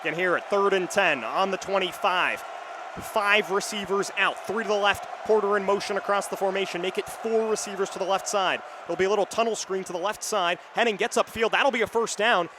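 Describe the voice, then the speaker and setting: A young adult man calls live radio play-by-play of an American football game in a high, brisk voice. He's in a stadium booth, with the crowd and outdoor ambience clearly audible behind him.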